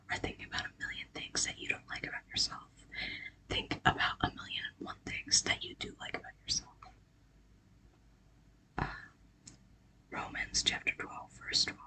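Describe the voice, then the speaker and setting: A person giving a whispered ASMR pep talk of affirmations and scripture, breathy, casual and halting, with gentle reassurance. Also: low-quality recording. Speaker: ASMR creator.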